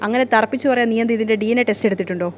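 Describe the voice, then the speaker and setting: A woman voicing a jealous, sharp-tongued young wife in a retold story, with quick, indignant retorts. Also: fairly high pitch, slight background noise, lightly acted.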